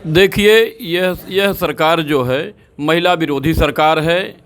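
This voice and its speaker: A senior advocate man, answering a street interview with indignant, rapid-fire accusations. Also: fairly high pitch, a bit bright. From Uttar Pradesh.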